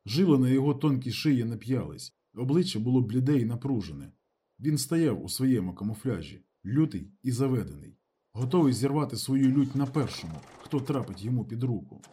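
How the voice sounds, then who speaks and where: A man narrating a literary audiobook in a lively, expressive reading. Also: mid-range voice, slightly rough.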